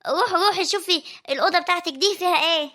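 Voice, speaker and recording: A woman's voice: very high-pitched, racing, bright, forceful tone. A woman voicing a doting older village mother with a rural Egyptian accent, drawing out her words. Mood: tender. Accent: rural Egyptian Arabic.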